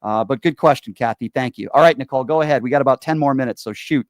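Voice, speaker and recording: A man's voice: medium pitch, fast, no echo, studio quality. A man in his forties from Connecticut, hosting a casual chat show and rambling with fillers and repeated yeps. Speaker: show host.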